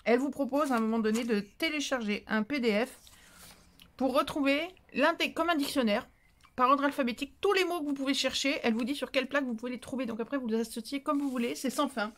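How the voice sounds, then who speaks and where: A woman with a fairly high voice walks through a paper-craft demonstration. Her talk is loose and chatty, full of restarts and thinking aloud, with a playful streak that slips into silly asides. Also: fast, fairly bright tone. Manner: chatty and rambling, thinking aloud while stamping. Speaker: paper-craft tutorial host.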